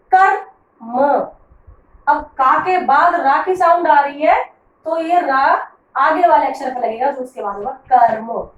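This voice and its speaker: A woman's voice: high-pitched, reverberant, recorded from a distance, dull audio, slight background noise. A woman teacher explaining grammar to pupils, patiently asking questions and answering them herself. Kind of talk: classroom grammar lesson.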